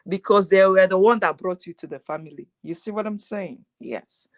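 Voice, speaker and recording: A woman guest talks over a remote call in a lively, chatty way and laughs easily. Her voice comes through dry and close, with no room sound around it. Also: mid-range voice, brisk, no echo. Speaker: guest YouTuber. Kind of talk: casual live chat.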